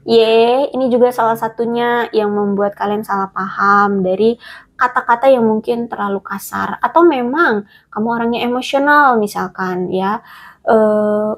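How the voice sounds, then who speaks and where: A woman giving a casual tarot reading straight to the listener, chatty and hesitant, with many fillers and restarts. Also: medium pitch. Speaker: tarot reader.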